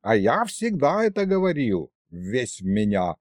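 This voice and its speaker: A man voicing a grumpy old immortal tsar who scolds his adopted son in a low, weary, gruff voice. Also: huge pitch swings, measured pace, darkish tone, no echo, studio quality. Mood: reproachful.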